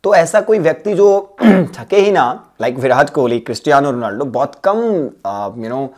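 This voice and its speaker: A man teaching an English spelling lesson. He mixes Hindi and English, repeats words and spells them out letter by letter, and often clears his throat. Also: a little high, normal speed, darkish tone. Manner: switches between Hindi and English mid-sentence. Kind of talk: exam-prep spelling lesson.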